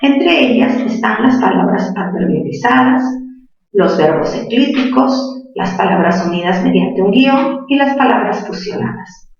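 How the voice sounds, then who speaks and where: A woman's voice: on the high side, lively intonation, unhurried, creaky, faint music behind. A woman teaching a spelling lesson to students, patiently asking questions and answering them herself. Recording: distant echoey classroom, dull sound.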